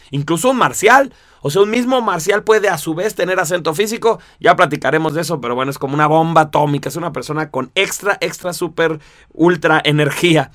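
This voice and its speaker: A man teaching in a lively, chatty way, with a fairly high voice. He keeps checking in with his listeners through rhetorical asides, and the sound is close and dry, with no room around it. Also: no echo. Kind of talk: explanatory talk to an audience.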